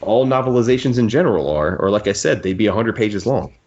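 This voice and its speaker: Animated and fairly low in pitch, with a darkish tone, a man discusses a book on his podcast in a casual, opinionated way. He stops often to restate his points, heard through dull, muffled lo-fi audio.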